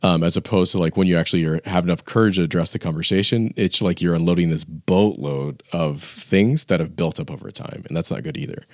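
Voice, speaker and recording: A man in casual discussion, relaxed and often saying "like" as he builds his point. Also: deep voice, fairly quick, hardly any pauses, dry recording, clean studio sound.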